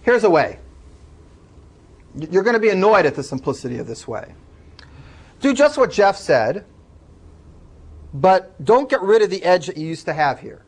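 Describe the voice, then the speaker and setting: A man's voice: high voice, darkish tone. A man lecturing a class, explaining step by step and taking student questions.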